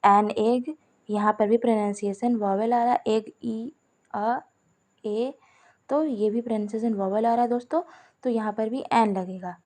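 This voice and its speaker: A woman's voice: fairly high pitch, fairly even intonation, measured pace, darkish tone. A woman teaching a grammar lesson, explaining rules step by step, repeating examples and answering her own questions while addressing viewers as friends. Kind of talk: Hindi-language grammar lesson.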